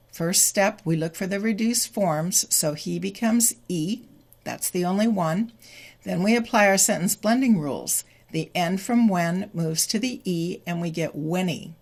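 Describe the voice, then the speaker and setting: A woman teaching English pronunciation, explaining sound changes step by step and repeating example phrases slowly. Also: mid-range voice, gravelly, a little mellow. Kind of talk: slow, deliberate teaching explanation.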